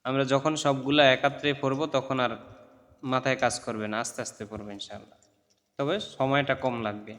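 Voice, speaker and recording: A man's voice: mid-range voice, level tone, brisk, a bit bright. A man teaching Quran reading, patiently drilling syllables one at a time and correcting pronunciation as he goes. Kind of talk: recorded spelling-drill lesson. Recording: long reverb.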